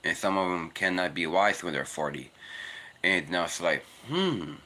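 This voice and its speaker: Walking outdoors in the cold, a vlogger in his twenties rambles earnestly about God in a casual spiritual monologue, repeating "it's because." His naturally deep, low voice has a somewhat bright edge, and his pace is moderate.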